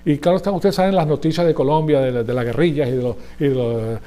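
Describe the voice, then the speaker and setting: Spanish-speaking guy preaching, mellow tone, a bit high for a man, keeps checking the crowd follows him. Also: fairly even intonation, quick pace. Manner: conversational, asks the audience for agreement. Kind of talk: sermon.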